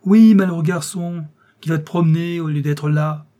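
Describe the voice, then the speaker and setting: Man doing a frantic shouting old professor. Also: a little high, fairly even intonation, voice pushed up, lightly acted. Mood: agitated. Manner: shouting, hurried, scolding. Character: excitable elderly male professor, impatient.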